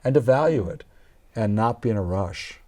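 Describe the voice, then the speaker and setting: A man's voice: fairly low pitch, animated, moderate pace, dark tone. A man, a pastor and guest, speaking earnestly in an interview and agreeing often. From Canada. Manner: earnest, with constant brief agreement sounds. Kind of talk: conversational interview.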